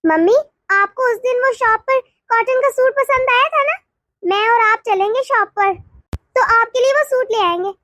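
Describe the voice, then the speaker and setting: A woman voicing a brisk, domineering young married woman in a storybook cartoon. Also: extremely high pitch, sharp tone, dry recording, studio quality. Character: bossy young married woman, household head. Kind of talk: animated cartoon dialogue.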